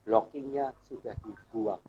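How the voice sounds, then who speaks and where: A man's voice: fairly low pitch, unhurried, mellow, slight background noise. A middle-aged man, a church elder, earnestly telling his own faith story in conversation and acting out the dialogue he remembers. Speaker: church elder, guest speaker. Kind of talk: personal testimony in conversation. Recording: dull lo-fi sound.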